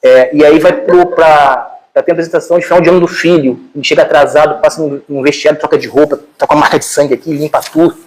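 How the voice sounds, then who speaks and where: Man, brazilian portuguese accent, lecturer, animated colloquial storytelling, lots of fillers, a bit high-pitched. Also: fast, few pauses, low-quality recording. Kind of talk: informal lecture, retelling a film.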